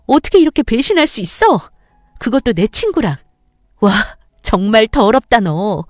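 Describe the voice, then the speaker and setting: A woman's voice: medium pitch, big pitch swings, normal speed, no echo, studio quality, natural voice. A woman playing a betrayed, furious wife. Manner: shouting, cutting retorts. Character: betrayed furious young wife, sharp-tongued. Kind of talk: story radio voice acting.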